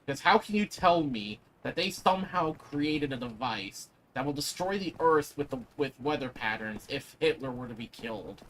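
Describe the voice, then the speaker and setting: A man's voice: mid-range voice, expressive, moderate pace, hardly any pauses, fairly bright tone, a little hiss or hum, poor audio. A man giving casual, opinionated commentary while gaming, speaking emphatically and swearing freely. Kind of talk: casual chat over gameplay.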